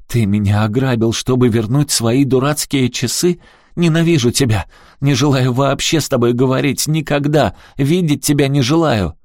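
A man voicing a hot-tempered teenage girl who shouts her accusations. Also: medium pitch, normal speed, no room sound, studio quality, voice pushed up, natural voice. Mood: furious.

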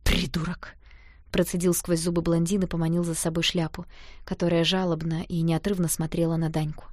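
A woman narrating a first-person audiobook with lively, emotional storytelling. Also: on the low side, fairly quick, dry recording, studio quality.

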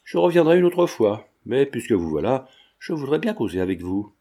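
A man reading the part of a sly old man who pretends to be deaf and talks in a lowered, scheming way. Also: sing-song, moderate pace, dark tone. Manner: lowered, conspiratorial speech.

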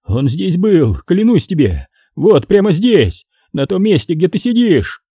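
A frantic crewman shrieks and pleads in a high, swooping voice, as a male audiobook reader puts him on. The tone is dark and husky, and the recording is dry and close. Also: sing-song, a little slow, dry recording, full character voice. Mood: hysterical. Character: panicked hysterical male submarine crewman.

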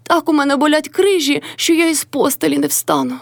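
A quarrelsome young peasant wife with a sharp, mocking tongue, put on by a woman reading the tale. Her voice sits high and cutting, recorded dry and close with no room around it. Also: lively intonation, fairly quick, dry recording.

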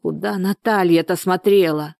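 A woman's voice: lowish voice, moderate pace, creaky, darkish tone, no echo, clean studio sound. A woman reading a storybook, voicing a stern, worried village grandmother who scolds.

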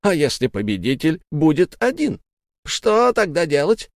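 A man voicing a sharp-tongued young wife who scolds in a raised, shrill voice. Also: sing-song, measured pace, dry recording, studio quality. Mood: angry scolding.

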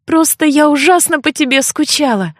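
A woman voicing a frightened young heroine, her own voice pitched higher and pleading. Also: very animated, a little slow, dry recording, clean studio sound. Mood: alarmed, pleading.

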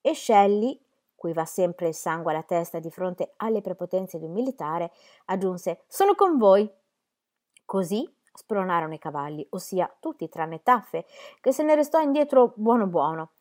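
A woman reading historical letters aloud in a measured, expressive storytelling manner. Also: on the low side. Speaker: reader.

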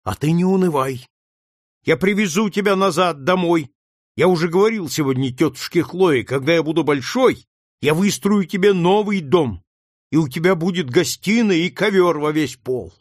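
A man's voice: fairly high pitch, normal speed, no echo, clean studio sound, voice pushed up. George, a man voicing an indignant boy. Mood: earnest. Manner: excited, pleading outbursts. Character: indignant young boy, passionate and impulsive. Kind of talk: audiobook character reading.

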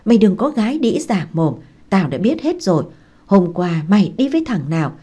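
A woman's voice: medium pitch, big pitch swings, moderate pace, dark tone, husky. Woman voicing a screaming, furious mother-in-law. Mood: enraged. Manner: screaming abuse, cursing.

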